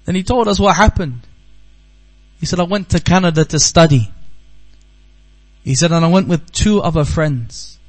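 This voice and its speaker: A man from the United Kingdom, an Islamic teacher, speaks in a seminar hall during a Q&A after a religious lesson. His voice is a little high and moves at normal speed with frequent pauses, and he tells a story earnestly, repeating key phrases for emphasis. The audio quality is poor.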